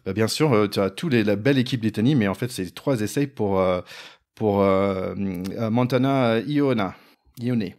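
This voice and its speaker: A man's voice: fairly low pitch, normal speed, a little mellow. A man hosting a sports podcast in casual chat, leaning on fillers and laughing easily. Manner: chatty, fills with "en fait", laughs easily. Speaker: podcast host.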